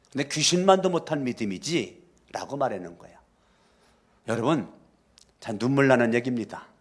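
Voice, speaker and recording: Male pastor, mid-pitched voice, preaching with emphatic scolding questions in a church. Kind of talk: sermon.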